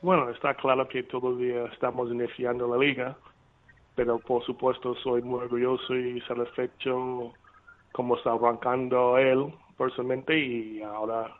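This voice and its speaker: A middle-aged man calling in to a live radio show over a phone line, talking haltingly and repeating words as he searches for them. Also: mid-range voice, little pitch movement. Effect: heard over a phone line. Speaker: caller, father of the guest. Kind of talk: live radio call-in chat.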